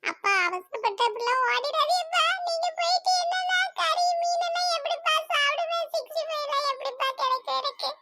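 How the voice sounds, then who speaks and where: A woman voicing a carefree, greedy young son in a cartoon, loud and cheeky. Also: extremely high pitch, fairly even intonation, fairly quick.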